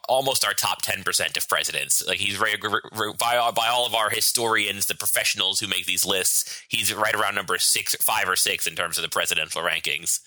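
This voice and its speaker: A man's voice: low-pitched, bright, forceful tone, no echo, rough recording. A man, chatting casually and giving his opinions as a co-host. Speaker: podcast co-host.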